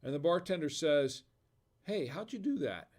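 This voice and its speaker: A man's voice: fairly high pitch, expressive, normal speed, darkish tone. American man laughing at his own dad jokes. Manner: reads chat comments aloud. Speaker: livestream host. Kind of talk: casual live-stream chat.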